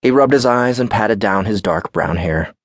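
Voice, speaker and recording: A male audiobook narrator reading a novel in a measured, even way. His voice sits fairly low, and the recording is completely dry and close, with no room sound. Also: dry recording. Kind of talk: scripted narration.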